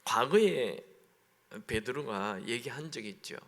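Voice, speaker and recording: A man's voice: mid-range voice, lively intonation, unhurried. A man, a pastor, preaching a sermon in a church sanctuary, talking in a conversational way and asking the congregation questions. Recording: long echo of a large hall.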